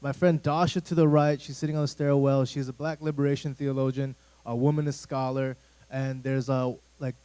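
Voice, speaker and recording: A man's voice: medium pitch, little pitch movement, normal speed, warm tone, smooth, poor audio. A man in his thirties, a youth pastor giving a casual, rambling talk to a church youth group, full of fillers and asides. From United States. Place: church room.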